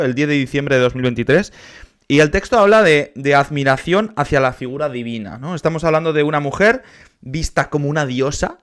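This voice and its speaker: A man from with a somewhat high-pitched speaking voice talks through a piece of music in a relaxed reaction commentary. He explains patiently and thoughtfully, pausing to reflect as he goes. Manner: thoughtful, explains patiently, sometimes sings syllables to demonstrate. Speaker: music reaction host, choir and orchestra conductor.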